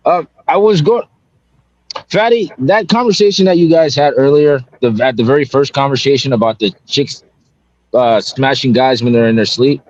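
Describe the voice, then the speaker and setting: A man's voice: mid-range voice, no room sound. A man talks in a loose, rambling way, cutting himself off and circling back. His mic sounds muffled and lo-fi, with no room around it at all. It sounds like a call-in guest on an online talk stream. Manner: rambling, self-interrupting. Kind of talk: casual online debate chat.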